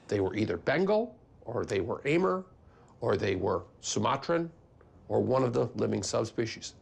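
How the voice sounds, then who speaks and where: A man's voice: medium pitch, big pitch swings, moderate pace, creaky, slightly rough. An older man, a scientist, explaining his views conversationally in a documentary interview. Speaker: geneticist interviewee.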